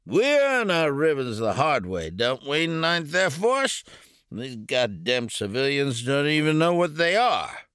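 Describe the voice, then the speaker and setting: A man voicing a drunken, boisterous army major who speaks loudly and draws out his words with grand flourish. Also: fairly high pitch, very animated, smooth, no room sound, studio quality, voice pushed up. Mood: blustering. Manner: loud, blustering, grandly drawn-out.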